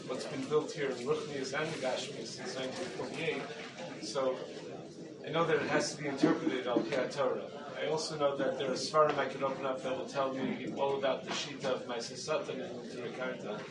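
A man in the audience asking a thoughtful question, speaking measured English mixed with Hebrew terms. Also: mid-range voice, flat delivery. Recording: distant, roomy mic with loud room noise.

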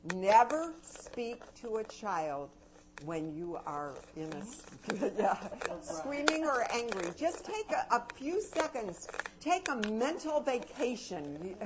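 Brief: older woman educator, expressive storyteller, very lively pitch, muffled lo-fi tape under heavy hiss. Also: slow. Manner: animated, anecdotal, swings between soft and loud. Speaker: parenting and education speaker. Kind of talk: talk to a live audience. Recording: dull lo-fi recording with loud noise.

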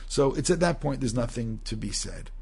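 A man leads a class on religious sources, moving between reading passages aloud and explaining them in his own words. His voice is gravelly and a bit husky. He talks loosely, with frequent restarts and fillers. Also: medium pitch, animated, moderate pace. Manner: reads Hebrew sources aloud, then explains, with many restarts and "you know". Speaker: Torah teacher. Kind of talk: text-based class lecture.

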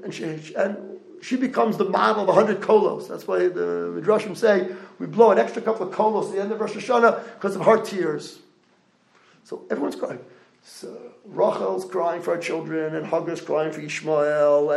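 A man delivers a Torah lecture in a high voice with a gravelly edge. He keeps throwing rhetorical questions at his listeners. The sound is roomy and echoey. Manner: animated, rhetorical questions to the audience. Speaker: rabbi lecturer.

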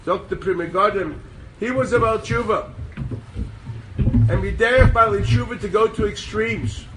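A man giving an animated, sarcastic Torah class to a group, mixing in Hebrew terms. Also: sits high, a little slow. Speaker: rabbi teaching a class. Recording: distant mic with loud background noise.

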